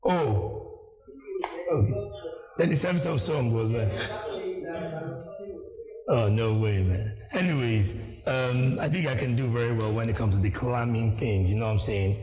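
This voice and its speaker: A man's voice: mid-range voice, measured pace, pauses often. A man hosting a reality show on stage, playful and theatrical, with joking banter. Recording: echoey hall, music behind. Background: music.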